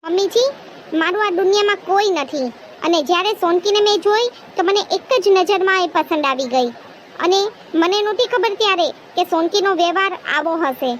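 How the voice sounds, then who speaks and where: A woman voicing a meek, patient young husband in a cartoon, talking in a gentle, pleading way. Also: extremely high pitch, brisk. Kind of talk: cartoon voice acting. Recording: noisy background hiss.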